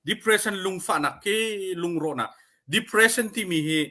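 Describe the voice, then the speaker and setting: High, bright-voiced man giving a slow talk. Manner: deliberate, mixes English terms into his speech. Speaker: speaker at a community support livestream. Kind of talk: informal educational talk.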